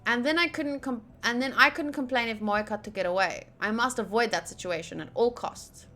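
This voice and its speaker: A young woman streams a game playthrough with casual, chatty commentary, reading game text aloud and throwing in joking asides over the game music. Her voice is a little high, fairly quick and sharp in tone.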